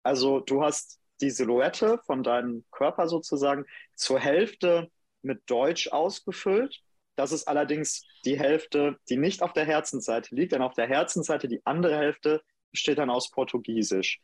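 A man's voice: on the high side, measured pace, dry recording. A man co-hosting a podcast interview, describing things in a friendly way. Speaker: podcast co-host.

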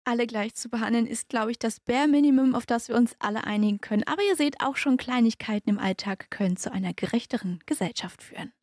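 A woman hosting a radio show, presenting scripted segments with clear, engaging address to listeners. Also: fairly high pitch, quick pace, hardly any pauses, a little mellow, no room sound, studio quality.

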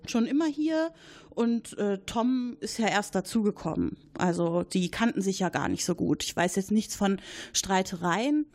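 A woman with an animated, slightly mellow, mid-range voice speaks unhurriedly in an improvised audio drama. She plays a chatty, gossipy male supervisor on a military base who rambles and hesitates while eagerly pointing the finger at a colleague.

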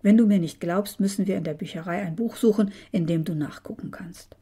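A woman voicing a small, curious male dust mouse with a lively, wide-eyed manner, read aloud from a storybook. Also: on the low side, brisk, breathy edge. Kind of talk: storybook reading.

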